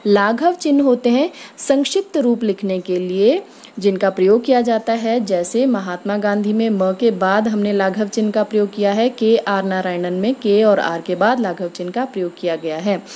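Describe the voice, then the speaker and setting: A woman gives a grammar lesson in a mellow, soft-toned voice. She speaks clearly and at a measured pace. She slows down to read each example sentence carefully. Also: medium pitch, slight background noise. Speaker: teacher.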